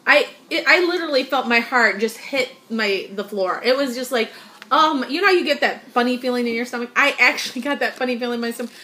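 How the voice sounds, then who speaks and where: A woman's voice: fairly high pitch, quick pace, sharp tone. Frank, emphatic middle-aged woman. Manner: emphatic, frank, laughs often. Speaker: host. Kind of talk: casual chat.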